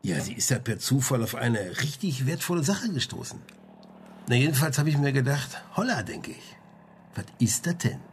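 In a radio crime drama, an actor plays a chatty, sly junk-shop dealer being questioned, rambling colloquially and leaning on tag questions. The lightly acted delivery is animated, medium-pitched with lively intonation at a moderate pace, over slight background noise.

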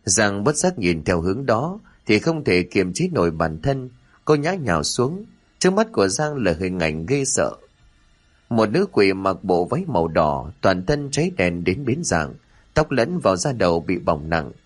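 Male horror narrator, dramatic delivery, lowish voice. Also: unhurried, husky. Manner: dramatic, expressive reading. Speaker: storyteller.

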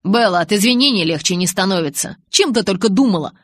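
Женщина читает раненого парня, низковато. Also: female voice, fairly low pitch, expressive, a little fast, no room sound, clean studio sound. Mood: reproachful. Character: young man, wounded, hurt but teasing friend. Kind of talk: audiobook reading.

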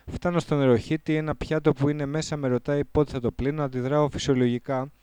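A man reads his own odd first-person tale in a relaxed, slangy way. His voice is dark and mellow, and it is recorded close and dry with no room around it. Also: fairly high pitch, clean tone, no echo. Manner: casual, crude slang, restarts and corrects his lines. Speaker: performer recording a spoken piece. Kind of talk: reading a surreal first-person text, rehearsing.

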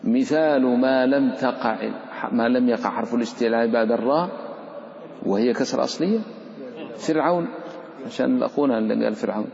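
A man's voice: quick pace, creaky. Man teaching in an echoey hall. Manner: explains rules, then chants the Quranic examples; lively, questions and teases the students. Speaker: Quran recitation teacher. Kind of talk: live tajweed lesson. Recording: echoey hall, dull low-fi sound.

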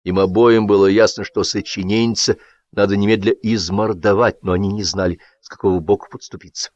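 A man's voice: fairly low pitch, fairly even intonation, brisk, darkish tone, highs cut off. A man narrating a satirical story in a dry, ironic manner. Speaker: audiobook narrator.

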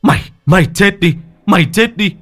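A man voicing an enraged young male martial artist who shouts in fury in a storybook tale. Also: high voice, normal speed, voice pushed up. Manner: shouting in rage.

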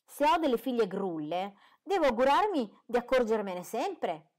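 A woman voicing an excitable, fussy middle-aged mother who talks high, loud and eager in a storybook reading. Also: moderate pace. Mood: indignant.

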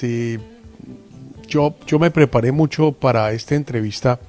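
A man hosting a radio interview, effusive and admiring, speaking haltingly with many fillers. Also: mid-range voice, dark tone.

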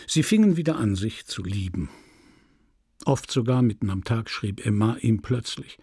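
A man reading a literary novel aloud as an audiobook, measured and expressive. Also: fairly low pitch, dry recording, clean studio sound. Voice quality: gravelly, husky. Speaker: audiobook reader.

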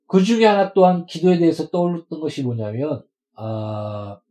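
A man's voice: on the high side, normal speed, dark tone, rough recording. A male pastor preaching a sermon to his congregation, emphatic and stretching words out for stress.

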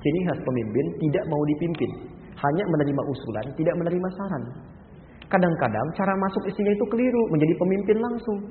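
A man's voice: expressive, fast talker, slight background noise. Man preaching in an echoey hall. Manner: storytelling, acting out voices of mother and child; rises in pitch and volume when stressing points. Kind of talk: sermon. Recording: echoey hall over a lo-fi, phone-like line.

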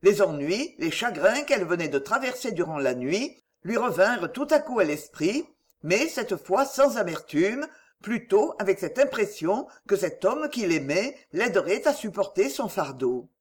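A woman narrating a classic novel for an audiobook in an expressive, dramatic reading. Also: medium pitch, unhurried, breathy edge.

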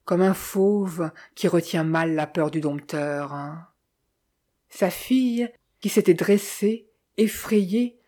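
Woman audiobook narrator, low and husky, measured first-person crime story reading. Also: mellow. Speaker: audiobook reader.

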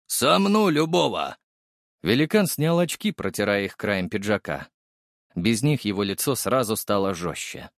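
Brief: male audiobook narrator, animated first-person read, bone-dry close sound. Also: lowish voice, no room sound.

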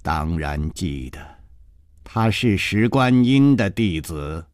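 A ruthless palace mistress in a radio story, cold and imperious, her words sinking low and slow into a hushed, breathy menace, as a male storyteller puts her on. Her pitch swings widely yet stays darker than the telling voice, and the sound is close and dry. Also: expressive, no echo. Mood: cold menacing.

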